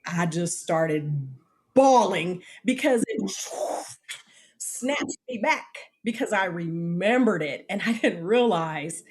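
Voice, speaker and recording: A woman in her fifties, a podcast guest telling personal stories in a lively, animated way and acting out the voices in them. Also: fairly low pitch, slow pace. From United States. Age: 50s. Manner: animated storyteller, acts out quotes, repeats "literally". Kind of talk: podcast interview storytelling.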